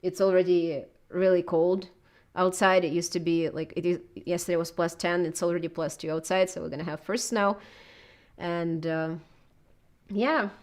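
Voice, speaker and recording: A woman's voice: lowish voice, fairly even intonation, moderate pace, darkish tone. A woman in her thirties from southern Russia, with a Russian accent, who chats casually and hesitantly in an interview and fills her talk with many filler words. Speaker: YouTuber being interviewed.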